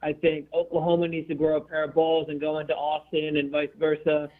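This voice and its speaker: A man's voice: on the high side, monotone, a little fast. A man from New Jersey calling in to a sports show, blunt and opinionated. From New Jersey, USA. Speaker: caller. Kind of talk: sports radio call-in. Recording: tinny phone line.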